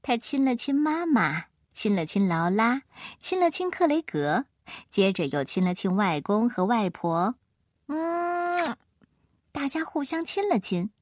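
A woman reading a children's picture book aloud in a lively, expressive way. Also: medium pitch, moderate pace, no room sound, studio quality. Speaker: storyteller.

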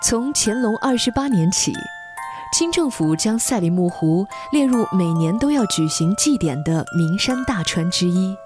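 A woman's voice: mid-range voice, expressive, normal speed. Woman narrating a nature documentary over music. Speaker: narrator of a travel programme. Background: music behind the voice.

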